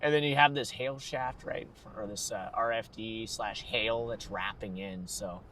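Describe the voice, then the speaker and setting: A man's voice: on the low side, fairly even intonation, normal speed, sharp tone, a little hiss or hum. An American man chatting casually on a livestream as a storm chaser, talking from inside a vehicle. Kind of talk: casual livestream chat while storm chasing.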